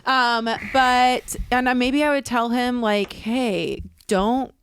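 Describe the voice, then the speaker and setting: A woman's voice: a little high, level tone, slow pace, fairly bright tone, a little hiss or hum. A young woman co-hosting a podcast, chatting casually in an earnest, giggly way. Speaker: podcast co-host. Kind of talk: casual chat.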